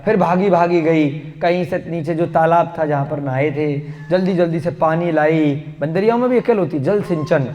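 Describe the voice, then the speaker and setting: A man's voice: fairly high pitch, moderate pace, few pauses, darkish tone, highs cut off. A man teaching a scripture class, retelling a story with playful asides and modern comparisons. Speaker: religious teacher. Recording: long hall reverb.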